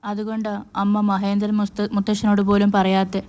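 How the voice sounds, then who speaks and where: A woman's voice: medium pitch, monotone, normal speed, a little mellow, close to an everyday voice. A woman voicing a frightened young mother who speaks in a pleading, tearful way.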